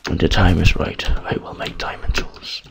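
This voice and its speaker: A man's voice: normal speed, a little hiss or hum. A young man chatting casually and rambling over his own gameplay, swearing now and then. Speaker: gamer. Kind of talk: casual let's-play commentary.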